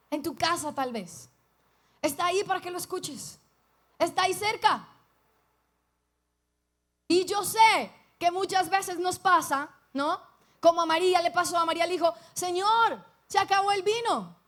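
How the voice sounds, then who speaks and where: A high-voiced young woman pastor. She preaches a lively sermon, turning to the congregation with questions as she tells her story.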